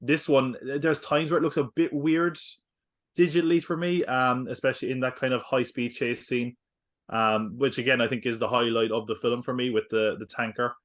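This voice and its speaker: A man's voice: mid-range voice, flat delivery, moderate pace, a bit bright. A man co-hosting a film podcast, talking casually in a rambling way, full of fillers and jokey asides. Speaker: podcast co-host. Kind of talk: casual film review chat.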